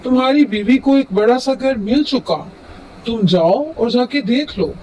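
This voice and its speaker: A woman voicing a magic talking fish, an enchanted male prince who calmly grants wishes in a storybook tale. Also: fairly high pitch, a little hiss or hum, close to an everyday voice, rough recording. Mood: solemn.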